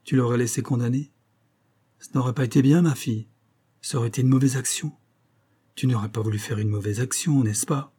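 A man's voice: medium pitch, fairly even intonation, brisk, long pauses, dark tone, husky, lightly acted. A man reading an audiobook, voicing a meek, doting old female servant who pleads in a raised voice. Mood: pleading.

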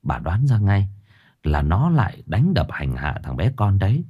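A man narrating a ghost story in a dramatic, expressive reading. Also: deep voice, a little slow, breathy edge, highs cut off.

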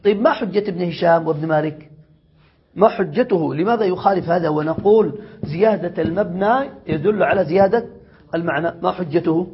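High, husky male grammar teacher. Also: highs cut off. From Yemen. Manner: questions the students, drawn-out words. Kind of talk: classroom grammar lesson.

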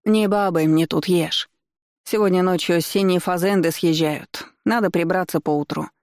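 A woman voicing a bossy, sharp-tongued old grandmother who grumbles and scolds bluntly, recorded dry and close. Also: on the low side, steady tone, normal speed, no echo, close to an everyday voice. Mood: grumbling. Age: older.

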